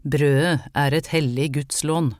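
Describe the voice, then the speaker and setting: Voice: medium pitch, fairly even intonation, dry recording, studio quality, natural voice. An audiobook reader voicing a stern old woman folk healer who gives brusque, matter-of-fact orders. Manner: gruff, matter-of-fact commands. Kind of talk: audiobook character reading.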